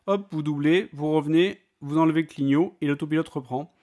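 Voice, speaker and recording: A man's voice: a little high, a little fast, warm tone. A man talking casually in a vlog, chatty and full of fillers and restarts. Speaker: vlogger.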